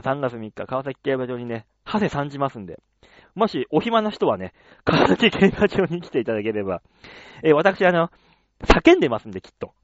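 High-voiced guy hosting a radio show, super animated, self-mocking storyteller, dry kinda muffled sound. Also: no echo. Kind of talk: casual chat monologue.

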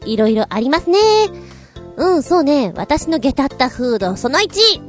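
High, bubbly woman host. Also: sing-song, moderate pace, soft background music. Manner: playful and chatty, with light self-mocking asides. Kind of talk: casual chat.

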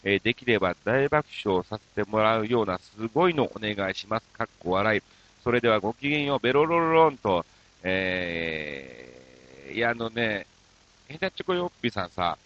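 A man's voice: on the low side, big pitch swings, moderate pace, a bit bright, lo-fi sound. A man hosting a radio show, chatting casually and joking at his own expense, mixing Kansai dialect with standard Tokyo speech. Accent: Kansai mixed with standard Tokyo speech. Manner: playful, self-mocking comic banter. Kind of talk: casual radio talk reading listener mail.

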